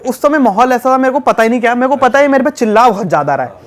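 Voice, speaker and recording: High-voiced young man from telling a story. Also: rapid-fire. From Delhi. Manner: animated, emphatic, repeats phrases. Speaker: podcast guest. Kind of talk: casual storytelling chat.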